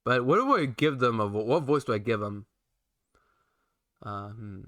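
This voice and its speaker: A man's voice: mid-range voice, expressive, unhurried, a bit bright, dry recording. A young man streaming a video game, rambling playfully and chatting with his viewers. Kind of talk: casual game-stream commentary.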